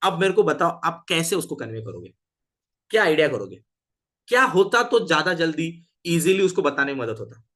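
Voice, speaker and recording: Teacher quizzing a class. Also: male voice, a little high, big pitch swings, fairly quick, a bit bright. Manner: switches between Hindi, English and Marathi, asks the class questions. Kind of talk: classroom physics lesson.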